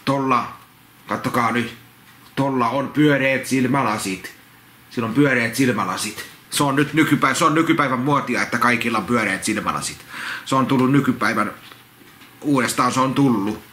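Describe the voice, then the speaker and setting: A man reading a children's picture book aloud, rambling into repetitive, halting asides and restarts. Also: mid-range voice, sharp tone. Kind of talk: casual read-along with rambling commentary. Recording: roomy echo, faint background noise.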